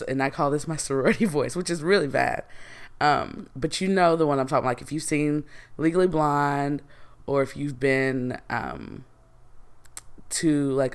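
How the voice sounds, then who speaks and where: A woman hosting a solo podcast, talking casually with slang and plenty of fillers. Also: low voice. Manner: chatty and slangy, with frequent fillers. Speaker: podcast host.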